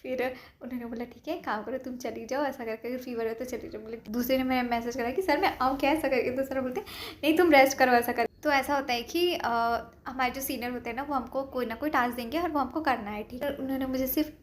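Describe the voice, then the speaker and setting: Young woman, high voice, rapid chatty storytelling, faint room ambience. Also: a little hiss or hum. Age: young adult. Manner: animated, quotes others in lively acted voices. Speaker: medical student. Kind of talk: casual storytelling vlog.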